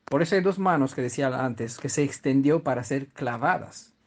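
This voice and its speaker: A man's voice: mid-range voice, moderate pace. A man from teaching scripture in a conversational way, often stopping to check that his listeners follow and restarting his sentences. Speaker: Bible teacher.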